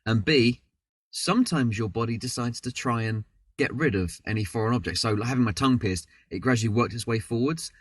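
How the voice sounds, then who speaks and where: A man's voice: mid-range voice, fairly quick, husky, no echo, far from the mic. A man from London with a London accent, a voice actor chatting in an interview with lots of fillers and asides. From London, England. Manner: rambling, chatty, self-deprecating with many fillers. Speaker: voice actor guest. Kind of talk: casual interview chat. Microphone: video call.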